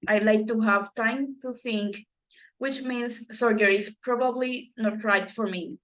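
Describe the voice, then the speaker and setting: Slow, halting woman reading a textbook. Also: fairly high pitch, fairly even intonation, fairly bright tone, poor audio. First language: Spanish. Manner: halting, self-correcting reading with restarts. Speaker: student reading textbook exercises.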